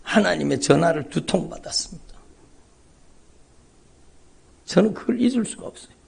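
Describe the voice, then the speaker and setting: A male pastor giving an emotional sermon testimony, telling his story dramatically and swinging from loud cries to hushed whispers. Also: high-pitched, expressive, quick pace, vocal fry, husky. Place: large church sanctuary.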